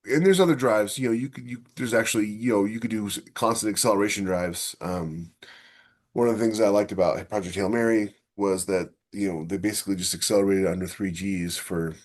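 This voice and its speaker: In a casual science fiction podcast, a co-host with a fairly low-pitched voice talks a little quickly about sci-fi tech. He explains things eagerly, slipping into imagined quotes along the way.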